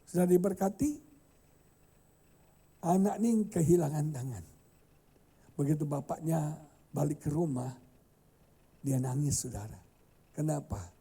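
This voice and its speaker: Male pastor, dark husky voice, dramatic storytelling sermon. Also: unhurried, pauses often. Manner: storytelling preacher, swings from loud high outbursts to hushed tones. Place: church hall.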